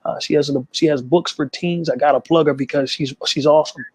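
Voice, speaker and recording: Interview guest, man, slightly high voice, dry close sound, fast animated storyteller. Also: slightly rough, no room sound. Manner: quick, emphatic, acts out quoted voices. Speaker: interview guest, gospel artist. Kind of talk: candid storytelling.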